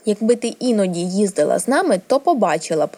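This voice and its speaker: A woman reading a storybook, voicing a lively, stubborn tomboyish young noble girl with loud, eager exclamations. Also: medium pitch, fast.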